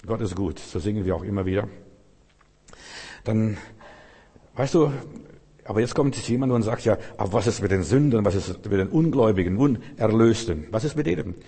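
A man's voice: fairly low pitch, gravelly, warm tone, husky. Fervent male preacher in a reverberant hall. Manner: fervent, calls to the congregation for responses. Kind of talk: sermon.

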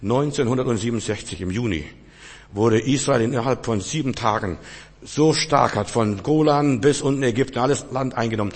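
A man preaching a sermon, emphatic, swinging between loud exclamations and hushed asides. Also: mid-range voice, a little fast, slightly rough. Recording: long reverb of a large hall.

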